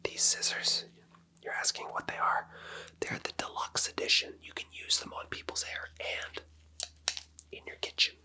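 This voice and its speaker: An ASMR creator plays a barber in a haircut roleplay, whispering softly and teasingly right up against a close-up microphone. The breathy whisper never hurries.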